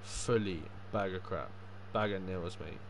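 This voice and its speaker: A man's voice: low voice, steady tone, measured pace. A young man chatting casually on a gaming livestream, sweary and full of matey slang. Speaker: livestreaming gamer. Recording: clear background noise.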